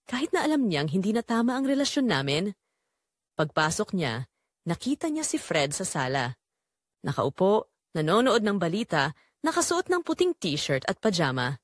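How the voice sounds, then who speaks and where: A woman narrates an audio drama as a wounded middle-aged mother admitting her heartbreak. Her earnest, deliberate voice moves widely in pitch, captured in a very dry recording with no echo.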